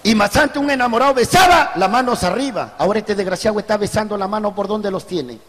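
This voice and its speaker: A man's voice: sits high, expressive, fast, a bit bright, in a large hall. A man with a Peruvian accent doing a crude, slangy street stand-up routine with punchy storytelling. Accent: Peruvian Spanish. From Peru. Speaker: street comedian.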